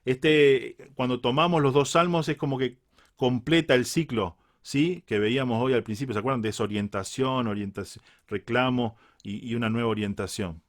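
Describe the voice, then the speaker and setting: A man's voice: medium pitch, normal speed. A man with a Uruguayan Spanish accent preaching a reflective Bible sermon, earnest and repeating key phrases for emphasis.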